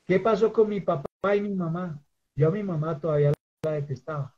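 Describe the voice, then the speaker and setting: A man's voice: high-pitched, a little fast, mellow, dull audio. A Colombian man giving an earnest personal faith testimony, preaching and acting out the voices he quotes. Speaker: testimony giver.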